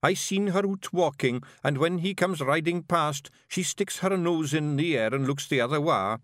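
A man's voice: on the high side, moderate pace, dry recording, clean studio sound, pitched above the performer's own voice, lightly acted. A man voicing a simple-minded little male fairy with a Scottish accent who talks hesitantly. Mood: puzzled.

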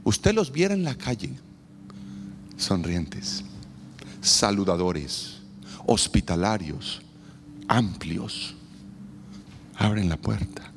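A man preaching a sermon as a pastor, with a playful, animated delivery that acts out quoted voices. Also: on the low side, slow, pauses often. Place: church hall. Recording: long reverb in a church hall, faint noise.

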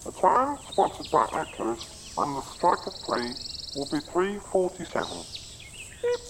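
A telephone talking clock, as a man puts it on, stringing together stiff, spliced recorded words very slowly. Its voice sits high and leaps wildly in pitch. Clear noise hangs behind it, as if heard down a line from off the mic. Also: wildly swooping pitch. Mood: mechanical. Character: telephone talking clock, sex-neutral machine announcer.

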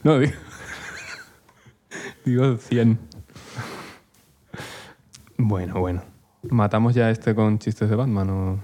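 A man's voice: on the low side, moderate pace, dark tone. A young man from Spain co-hosting a podcast, teasing and joking in casual chat and laughing often. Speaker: podcast co-host.

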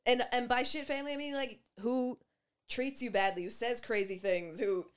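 A woman's voice: fairly high pitch, fairly even intonation, clean tone. A woman co-hosting a casual podcast chat who rambles and fills her sentences with "like". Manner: rambling, filler-heavy, with quick laughs. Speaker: podcast co-host.

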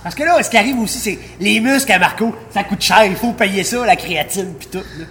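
A man's voice: sits high, animated, brisk, bright, forceful tone, a little hiss or hum. A man with a Québécois French accent, a show host in playful announcer mode. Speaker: show host reading sponsor spot. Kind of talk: sponsor read and banter.

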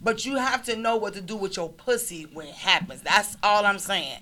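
Blunt, bright-voiced woman in her forties. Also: medium pitch, normal speed. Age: 40s. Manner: blunt, teasing, laughs often. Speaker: podcast co-host. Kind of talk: casual group chat.

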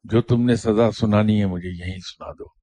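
Man playing a resentful ruined father, husky, a bit raised in pitch. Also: steady tone, warm tone, dry recording, natural voice. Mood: angry. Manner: resentful and indignant. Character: ruined, bitter middle-aged man, a father.

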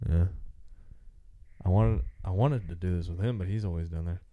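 A man's voice: sits low, normal speed, narrow, tinny audio. A man in his twenties co-hosting a casual podcast chat, laid-back and a bit hesitant. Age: 20s. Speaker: podcast co-host.

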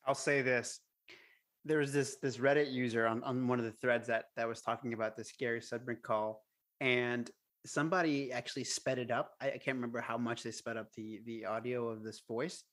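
A man in a relaxed podcast conversation. He speaks in a mid-pitched, ordinary voice and works through his thoughts slowly, repeating words as he goes. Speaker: podcast co-host. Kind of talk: casual chat.

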